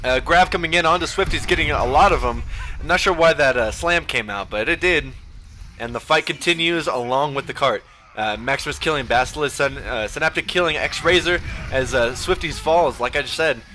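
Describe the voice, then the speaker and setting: A man giving casual, profane play-by-play of a video game match, full of ums and uhs, with sudden bursts of excitement. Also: on the high side, a little fast, a little hiss or hum. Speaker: esports caster.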